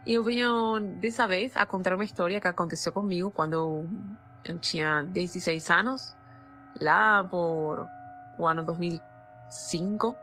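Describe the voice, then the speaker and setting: A woman's voice: fairly low pitch, normal speed, a bit bright, a little hiss or hum. A woman in her thirties from Argentina with an Argentine Spanish accent, a Spanish speaker telling a personal story in a voice message with many hesitations. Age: 30s. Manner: hesitant, many fillers and restarts.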